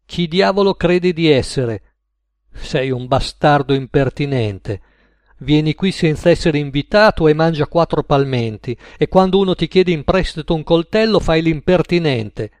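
A touchy, menacing little ex-boxer snarls out his insults, as a male reader puts him on. The voice rides high and loud, with dry, close sound. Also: animated, moderate pace, no room sound. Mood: furious. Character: belligerent small ex-boxer man, touchy and menacing.

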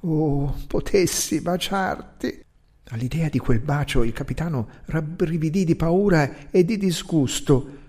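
A man narrating a literary story in a measured, expressive reading. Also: a little high, husky. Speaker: audiobook narrator.

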